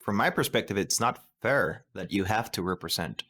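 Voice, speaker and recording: Low-voiced man. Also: lively intonation, normal speed, a bit bright, breathy edge. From Costa Rica. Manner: thoughtful, hesitant, restarts words while searching for them. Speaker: co-host. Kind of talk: podcast discussion.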